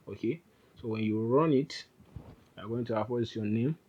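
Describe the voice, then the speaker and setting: Talking at a normal speed in a mellow, mid-range voice, this man walks through an informal screen-recorded coding lesson. He rambles and fixes his own mistakes as he types. The recording sounds muffled.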